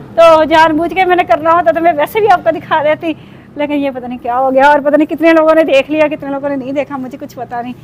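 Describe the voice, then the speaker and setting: A chatty woman in her thirties talks straight to her viewers in a casual home vlog. Her voice sits high and light as she rambles through everyday stories without pause. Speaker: vlogger.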